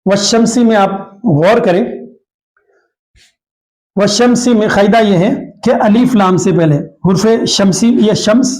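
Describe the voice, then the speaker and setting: High-voiced male tajweed teacher. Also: a little mellow. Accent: Hyderabadi Urdu. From Hyderabad, India. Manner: repeats each rule, slows down to recite the Arabic examples. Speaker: Quran recitation teacher. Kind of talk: tajweed lesson, explaining rules.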